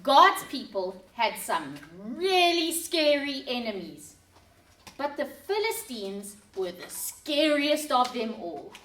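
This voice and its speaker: A woman reading a Bible story aloud to children, dramatic and expressive. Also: sits high, slow. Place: church room. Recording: roomy sound from a distant mic.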